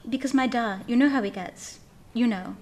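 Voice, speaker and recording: A woman's voice: on the high side, normal speed, darkish tone, close to an everyday voice. A woman reading aloud, voicing an anxious, earnest young man in a storybook tale, in a pleading, urgent manner. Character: anxious young Irish farm lad, earnest.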